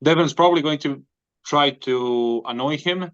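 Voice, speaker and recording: A man from Croatia, a guest giving measured, thoughtful answers in a casual interview. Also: fairly high pitch, a bit bright. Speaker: podcast guest, arm wrestler. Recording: dull, dry, lo-fi sound.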